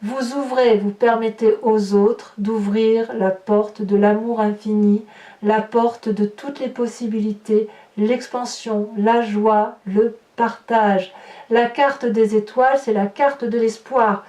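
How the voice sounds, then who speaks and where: A tarot reader with a fairly high, mellow voice speaks slowly and with fairly even intonation, keeping her reading chatty and reassuring while often restarting phrases. She sounds distant in an echoey room.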